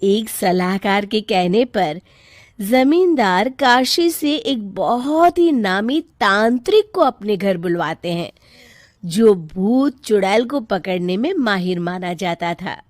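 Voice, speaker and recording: A woman's voice: medium pitch, animated, takes it slowly, no room sound, studio quality. A woman narrating a scripted story as its storyteller.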